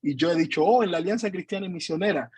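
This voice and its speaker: Pastor, 30s, husky and fairly high, dry close sound, earnest and halting; for an online church class. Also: male voice, a little mellow, no echo. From Cuba. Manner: earnest, hesitant with many fillers. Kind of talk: online teaching talk.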